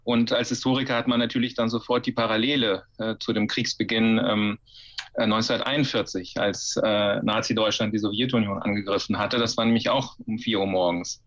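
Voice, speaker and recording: A man's voice: lowish voice, steady tone, fairly quick, a bit bright, dull audio. A man from Ukraine, a historian answering interview questions with many fillers and restarts. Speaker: historian guest.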